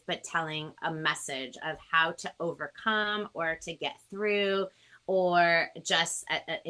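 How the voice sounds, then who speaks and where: A woman with a deep, pushed, bright voice hosts a music interview over a casual video call. She is a singer-songwriter herself, and she chats in a gushing, appreciative way.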